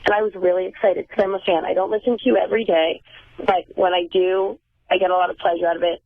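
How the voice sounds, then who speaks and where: Woman phone guest, wry and articulate, a bit gravelly, heard over a tinny line. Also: fairly low pitch, level tone, quick pace, no room sound. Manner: articulate, wry, self-deprecating. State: groggy morning voice. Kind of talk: casual phone chat. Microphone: telephone.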